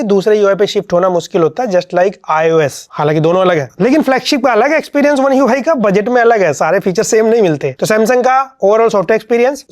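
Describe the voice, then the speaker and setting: Male tech reviewer, higher-pitched voice, casual and opinionated commentary. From India. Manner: conversational, opinionated, mixes in English words.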